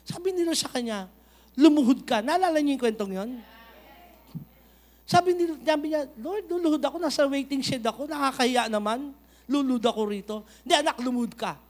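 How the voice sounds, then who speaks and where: High-voiced Filipino pastor preaching. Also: male voice. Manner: animated preaching, mixing Tagalog and English, rising to shouts. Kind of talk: sermon. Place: church.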